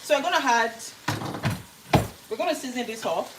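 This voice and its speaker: A Nigerian woman hosts a casual live cooking stream from her home kitchen, chatting with viewers and greeting them by name. Her voice is fairly high with lively intonation at a normal speed. The roomy kitchen gives an echo, and there's heavy background noise.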